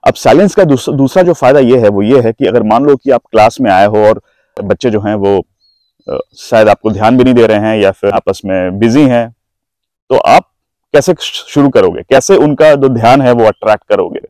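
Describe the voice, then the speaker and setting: Male trainer, instructional talk, slows down to stress words, dry close sound. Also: medium pitch, mellow, no echo, low-quality recording. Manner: drawn-out, stressed words when demonstrating emphasis. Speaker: presentation skills trainer.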